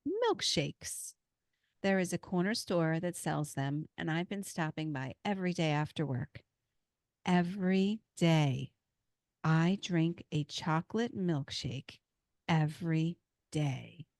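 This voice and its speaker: A woman's voice: low-pitched, lively intonation, slow pace, darkish tone, no echo, clean studio sound, full character voice. A woman playing a curious, probing boutique owner in her forties, reading a light role-play script. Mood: chatty. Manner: inquisitive, lightly teasing.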